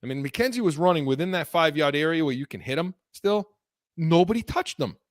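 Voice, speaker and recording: A man's voice: a little high, animated, fairly quick, no echo, clean studio sound. A man co-hosting a sports podcast, talking heatedly about football and breaking off and restarting his sentences, his voice worn from illness. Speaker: podcast co-host.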